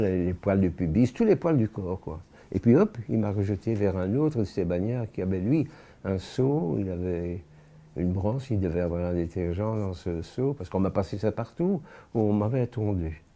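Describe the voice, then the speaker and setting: Speaking gravely and slowly, an elderly witness born in France, now in his eighties, offers his personal testimony. His voice is low, mellow and very dark, and he often stops and restarts sentences while reaching for words.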